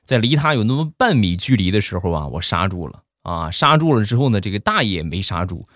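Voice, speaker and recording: A man's voice: on the low side, brisk, dry recording, studio quality. A man hosting a show, telling comic stories in a chatty way. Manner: chatty, animated. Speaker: joke-telling host. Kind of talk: comic storytelling.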